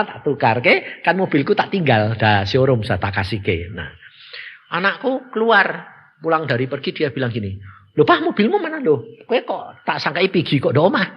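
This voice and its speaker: Husky, animated Javanese preacher man. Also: on the high side. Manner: lively storytelling, exclamatory. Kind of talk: sermon with anecdotes.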